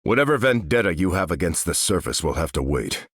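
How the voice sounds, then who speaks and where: An actor with an American accent playing a noble, steadfast veteran super-soldier in a video game, speaking with earnest, measured authority. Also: male voice, low voice, very animated, fairly bright tone, husky, no echo, clean studio sound, heavily acted. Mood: steady, earnest. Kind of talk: video game character voice lines.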